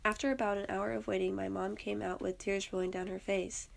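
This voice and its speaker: A young woman reads her own personal story aloud in an earnest, plain way. Her voice has a gravelly fry and sits at a middling pitch. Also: little pitch movement, fairly quick. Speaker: student narrator.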